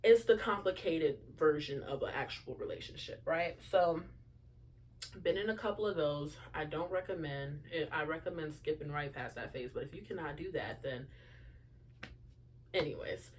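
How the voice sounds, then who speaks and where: Young female host, early twenties, low voice, rambling casual asides, faint room hum. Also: normal speed. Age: young adult. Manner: chatty, lots of fillers and asides to listeners. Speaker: podcast host. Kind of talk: casual solo chat.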